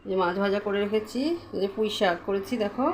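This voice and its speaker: A woman's voice: medium pitch, fairly even intonation, fast, a little hiss or hum. A woman vlogger chatting casually as she shows the dishes she has cooked, constantly telling viewers to look. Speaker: lifestyle vlogger. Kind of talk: casual cooking vlog chat.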